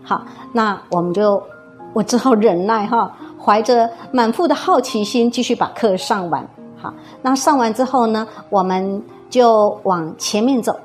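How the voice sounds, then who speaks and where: A woman with a Taiwanese Mandarin accent, a music teacher, telling an eerie story in a lively, suspenseful way with many fillers. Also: on the high side, measured pace. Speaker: guzheng teacher recounting a story. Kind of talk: casual storytelling.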